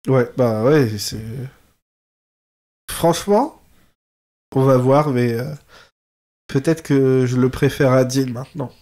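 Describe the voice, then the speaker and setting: A man's voice: medium pitch, slow pace, long pauses, mellow. A man co-hosting a casual podcast, chatting, laughing often and closing the episode. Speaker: podcast co-host.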